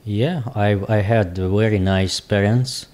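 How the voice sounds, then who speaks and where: A man in his forties with a Russian accent, speaking in halting, searching English as an interview guest. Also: lowish voice, darkish tone. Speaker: guest, business owner. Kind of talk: casual interview talk.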